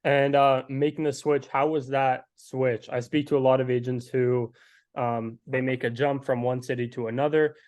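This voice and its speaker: A man's voice: medium pitch, flat delivery, moderate pace, a little mellow, no room sound. A man from the Czech Republic hosting a podcast, asking questions with frequent fillers. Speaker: podcast host. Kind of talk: podcast interview.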